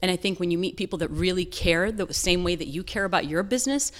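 Appearing as an interview guest, this American woman from North Carolina in the southern United States has a voice slightly lower than average. She talks quickly and earnestly, explaining things conversationally the way a business owner describes her work.

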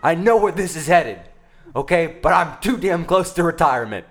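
A man playing a gruff cop near retirement who swears and gets exasperated. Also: fairly high pitch, animated, moderate pace.

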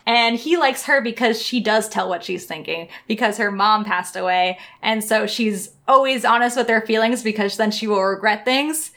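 Giggly young woman with a creaky voice. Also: fairly high pitch. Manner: animated and giggly, many "like" fillers. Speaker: podcast co-host. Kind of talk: casual chat reviewing manga.

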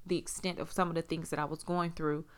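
A woman's voice: low-pitched, little pitch movement, quick pace. A woman telling a personal story in a casual, blunt way, swearing heavily and acting out what people said. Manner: blunt, heavy swearing, frequent fillers; acts out dialogue in raised voices. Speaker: storyteller sharing a personal experience.

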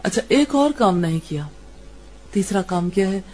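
Mellow-voiced woman teaching a religious class. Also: mid-range voice, animated. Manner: probing questions to students.

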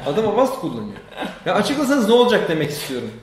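A man co-hosting a casual tech news chat, quick and chatty with hesitant fillers. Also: sits high, wildly swooping pitch, slight background noise. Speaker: co-host. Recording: very echoey room, faint ambience.

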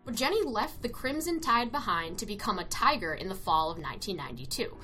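Bright-voiced woman narrating a profile. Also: medium pitch, very animated, fairly quick, soft background music. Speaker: host, narrator. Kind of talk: scripted narration.

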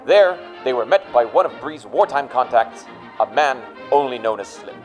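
A man reading a measured, dramatic scripted recap as narrator. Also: medium pitch, expressive, faint music behind, rough recording.

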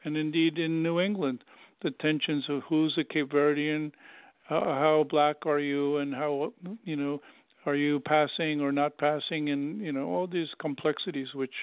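A man's voice: a little high, little pitch movement, unhurried, smooth, no room sound. Older man, tinny call, many fillers. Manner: thoughtful, rambling with many fillers. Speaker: anthropology professor, guest. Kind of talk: conversational interview. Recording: tinny phone-like call audio.

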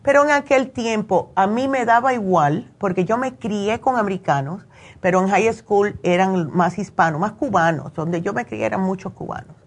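Speaking at normal speed in a mid-range voice, a woman who hosts a call-in radio show offers conversational advice and personal anecdotes. She was born in Cuba, grew up in the United States, and keeps asking for agreement with tag questions.

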